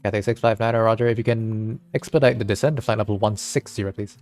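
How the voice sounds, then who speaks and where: A man's voice: on the low side, fairly even intonation, fast, darkish tone, soft background music. A man acting as air traffic controller, giving clipped radio instructions to pilots.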